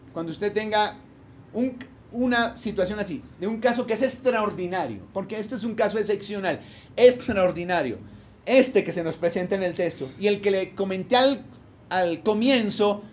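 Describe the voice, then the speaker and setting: A male pastor delivers a sermon with a fairly high voice, swinging from emphatic declarations to chuckling, colloquial asides. He speaks straight to his listeners with rhetorical questions. Faint noise hums under the recording. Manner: colloquial, addresses listeners as brother.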